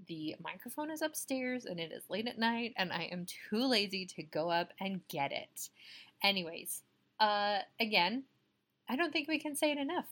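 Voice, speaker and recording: A woman's voice: mid-range voice, a bit bright. A woman co-hosting a podcast, giving a chatty, thankful sign-off at home late at night on a poor-quality recording made without the usual microphone. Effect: poor sound quality, recorded without the usual microphone. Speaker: podcast co-host.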